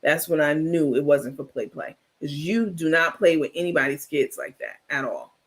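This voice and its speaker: High, gravelly-voiced man chatting live. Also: moderate pace. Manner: animated, talkative, blunt, laughs often. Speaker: livestream host. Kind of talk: casual live gossip commentary, reacting to viewer chat.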